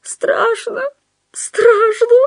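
A woman's voice: medium pitch, takes it slowly, dry recording, clean studio sound. A woman voicing a timid, frightened young male psychiatric patient who whimpers shrilly on the edge of tears.

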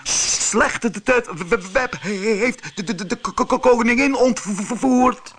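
A man's voice: very high voice, brisk, vocal fry, sharp tone, pitched above the performer's own voice, exaggerated voice. A man voicing a shy young male toy jester who stutters heavily in a storybook reading. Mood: frightened. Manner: heavy stutter, repeats sounds.

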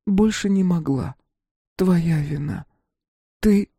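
A man's voice: high voice, takes it slowly, gravelly, mellow, slightly rough, dry recording, clean studio sound, voice pushed up, heavily acted. A man voicing a wife who calls out broken, accusing fragments from under collapsed concrete. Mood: reproachful. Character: reproachful wife's voice from under rubble.

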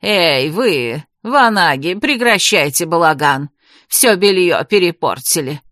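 A woman voicing a weary old half-blood witch who grumbles and scolds in a lower, slower voice. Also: a bit bright, dry recording, clean studio sound. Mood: scolding. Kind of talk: audiobook character voice.

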